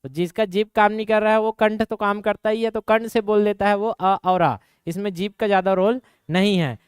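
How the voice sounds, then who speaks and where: This young exam coach from Chhattisgarh, India, has a high, clear, resonant voice with a steady tone, a Chhattisgarhi accent and a slight nasal ring. He asks the class quick questions and answers them himself, slipping into dialect now and then, captured in a dry, studio-quality recording.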